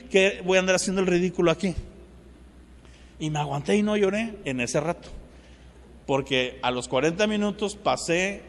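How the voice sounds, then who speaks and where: Male pastor, high voice, animated testimony sermon, long church-hall reverb. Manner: animated storytelling, acts out dialogue.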